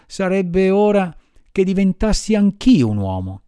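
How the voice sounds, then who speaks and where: A man voicing a lively, impulsive wooden puppet boy, raising his voice high for an audiobook reading. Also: a little slow, clear, resonant tone, no room sound, clean studio sound. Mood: pleading. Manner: high excitable voice, jumping up for emphasis. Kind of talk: audiobook character voice.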